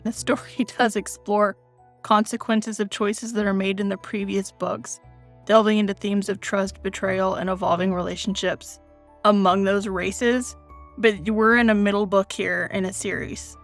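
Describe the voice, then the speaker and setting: An American woman in her forties chats through her book reviews in an expressive, conversational way. Her voice sits at a middle pitch. Faint music plays softly underneath. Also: moderate pace. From United States, raised in Kenya. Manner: chatty, expressive, reads from her notes. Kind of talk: casual book review vlog.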